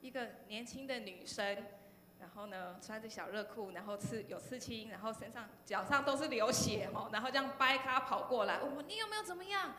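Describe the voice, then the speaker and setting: In an echoey church hall with faint background noise, a woman with a Taiwanese Mandarin accent shares her testimony at a youth service. Her voice sits a little high, and she speaks animatedly, often pausing on "然后呢" and turning questions back to the young congregation.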